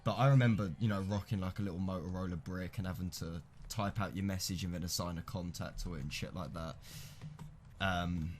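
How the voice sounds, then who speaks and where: A man's voice: low-pitched, fairly even intonation, brisk, a little hiss or hum. A nineteen-year-old British man live-streaming a game, chatting casually in a matey, rambling, sweary way.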